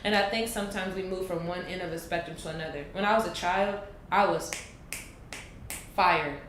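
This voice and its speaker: A woman's voice: on the low side, fairly even intonation, fairly bright tone. A woman in her late twenties, thinking aloud in an earnest, reflective casual chat. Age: 20s. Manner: earnest, thoughtful, drawn-out pauses. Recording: echoey room with faint noise.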